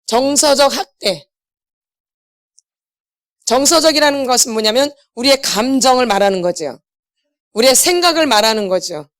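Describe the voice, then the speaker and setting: Speaking briskly and with animation, a middle-aged pastor's wife with a slightly high voice leads a church healing lecture in a church hall. The sound is clean studio audio with no echo, and she asks questions of her listeners and repeats the key words to them.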